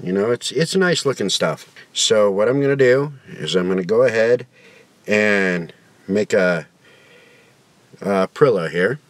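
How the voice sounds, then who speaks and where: A man's voice: on the low side, expressive, a little slow, dry recording. A man giving a casual product review to camera in a folksy, rambling, colloquial way.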